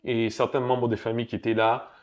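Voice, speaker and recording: A young man from Congo, talking in a relaxed, reflective way about his life and laughing easily. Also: medium pitch, brisk. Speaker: guest. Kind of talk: casual conversation.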